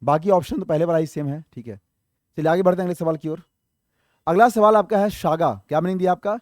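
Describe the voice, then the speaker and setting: A man's voice: on the high side, quick pace, a little mellow, no echo, clean studio sound. A man teaching English vocabulary for an exam, explaining each word, spelling some letter by letter, and asking his viewers questions that he answers himself. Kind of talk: exam-prep vocabulary lesson.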